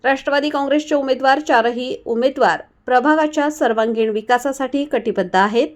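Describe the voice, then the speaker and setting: Woman news reporter, scripted voice-over; steady and formal, fairly high voice. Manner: steady formal reading, quick through name lists.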